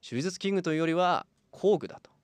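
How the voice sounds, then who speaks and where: A man's voice: high-pitched, expressive, brisk, dry recording. A man in his twenties narrating a tabletop role-play session as game master. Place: small padded studio room. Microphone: close studio microphone on boom arm.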